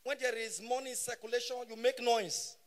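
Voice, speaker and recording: This stand-up comic, a man in his thirties, has a Nigerian Pidgin English accent and a very high-pitched voice. He speaks a little fast, stays animated, and shouts each punchline.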